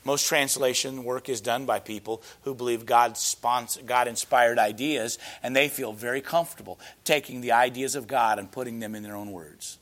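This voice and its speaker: A middle-aged man preaching a sermon, emphatic and rhetorical, answering imagined objections and rising to loud peaks on key points. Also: medium pitch, steady tone, moderate pace, hardly any pauses.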